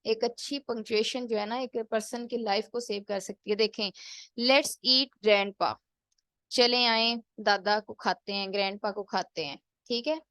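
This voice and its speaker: A woman's voice: a little high, fairly even intonation, moderate pace, hardly any pauses, fairly bright tone, dry recording. Woman teacher explaining in close, dry sound. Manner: mixes English terms into explanation, stresses with "theek hai". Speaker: English teacher. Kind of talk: explanatory online lecture.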